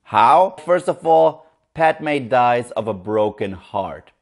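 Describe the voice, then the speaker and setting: Young man, movie reviewer, casual vlog talk, sarcastic, swears a lot, mid-pitched voice. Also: takes it slowly. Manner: sarcastic, profane, animated asides.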